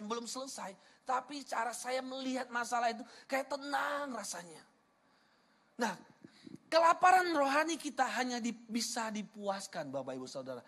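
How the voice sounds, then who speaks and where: Bright-voiced preacher man from Sumatra. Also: extremely high pitch. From Sumatra, Indonesia. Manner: asks the congregation rhetorical questions and addresses them directly; chatty and humorous, with personal stories. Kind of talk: sermon.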